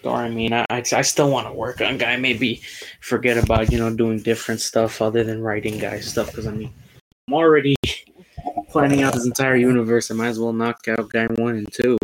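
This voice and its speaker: A man's voice: mid-range voice, flat delivery, normal speed, noisy background. A young man in casual chat, hesitant and repeating his words as he starts sentences.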